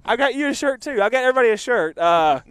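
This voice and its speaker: A man doing chatty, rambling live softball commentary outdoors. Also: extremely high pitch, animated, fast. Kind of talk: casual live sports commentary. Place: outdoor softball field on a windy day.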